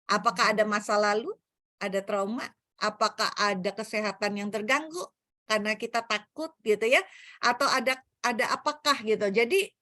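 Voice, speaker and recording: A woman's voice: medium pitch, moderate pace, bright, forceful tone, dry recording, studio quality. A woman giving a self-development talk, answering audience questions in a casual, explanatory way and mixing in English terms. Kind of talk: online Q&A talk.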